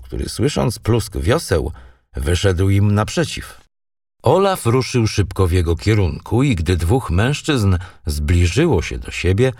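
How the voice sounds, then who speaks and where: Male audiobook narrator, low voice, animated intonation, dry sound, mic a bit distant. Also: dry recording. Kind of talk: storybook narration.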